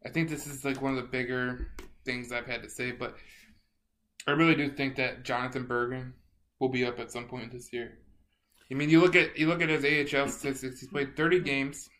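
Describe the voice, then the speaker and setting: A man co-hosting a casual sports podcast, halting and repeating words as he thinks aloud. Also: medium pitch, steady tone, pushed and bright. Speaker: podcast co-host.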